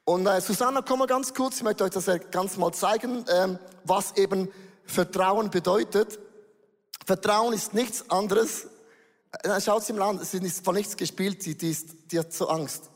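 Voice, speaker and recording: High-voiced man preaching in an echoey hall. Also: moderate pace. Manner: lively, mixes English phrases into German. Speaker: pastor. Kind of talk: sermon.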